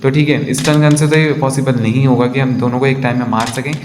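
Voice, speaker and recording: A man's voice: medium pitch, steady tone, a little fast, a little mellow. A man casually commenting on his own gameplay in speech, chatting to viewers and calling them guys. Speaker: gaming vlogger. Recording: echoey room, faint ambient noise.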